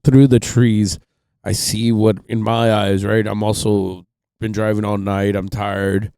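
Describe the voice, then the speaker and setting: A man's voice: fairly low pitch, level tone, a little slow, gravelly, mellow, clean tone, dry recording. A man telling a rambling, profane story on a casual podcast, full of fillers. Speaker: podcast host.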